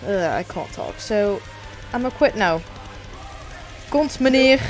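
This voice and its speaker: A woman's voice: medium pitch, expressive, a little slow, faint music behind. A young adult woman streamer chatting casually, rambling and self-deprecating, swearing now and then.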